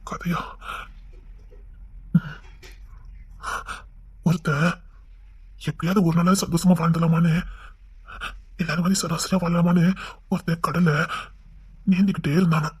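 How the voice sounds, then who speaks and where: A woman voicing a young husband who is gentle and coaxing with his pregnant wife, in an amateur audio drama. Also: fairly low pitch, steady tone, a little fast, pauses often, breathy edge. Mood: tender. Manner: gentle and coaxing, turning frantic. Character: young husband, tender and anxious.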